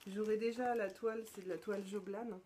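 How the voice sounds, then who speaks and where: A woman from France hosting her own podcast, chatting casually and hesitantly, with many fillers and restarts and soft whispered asides. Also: medium pitch, steady tone, fairly quick, slight background noise. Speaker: podcast host. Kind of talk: casual show-and-tell chat.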